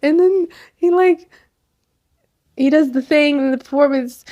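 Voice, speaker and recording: A woman giving casual, gushing movie commentary, excitable and full of slang, laughing often. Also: high voice, a little slow, no room sound, muffled recording. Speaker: commentary host.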